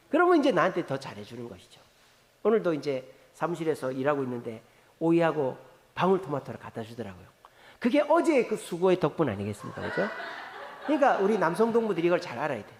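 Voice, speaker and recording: Middle-aged pastor guy, high lively voice, playful storytelling sermon, big church echo. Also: slight background noise. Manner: playful storytelling, acting out dialogue. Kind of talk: lively Friday prayer sermon. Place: church sanctuary. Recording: echoey church hall reverb.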